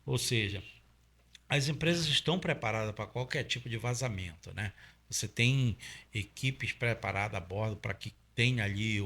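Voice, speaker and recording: As a guest in an interview, this middle-aged man from Pará explains things step by step in a Paraense Brazilian Portuguese accent, full of fillers and tag questions. He trains safety in the oil industry, and his fairly low voice is gravelly and a bit bright.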